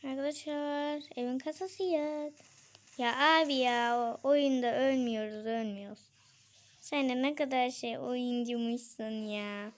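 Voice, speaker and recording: Young female gaming vlogger, high-pitched, chatty and excitable. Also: measured pace. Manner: chatty, addresses viewers, exclaims and frets aloud. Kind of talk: casual game commentary.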